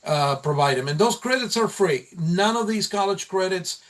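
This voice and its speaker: Speaking haltingly while informally presenting slides at a meeting, a college program instructor keeps repeating and restarting phrases. His voice is high-pitched and expressive.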